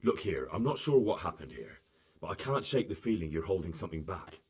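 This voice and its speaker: In a video game cutscene, a persistent young squire, the protagonist, questions witnesses in a probing, insistent manner. His male voice is deep and a little mellow, brisk in pace, with big swings in pitch.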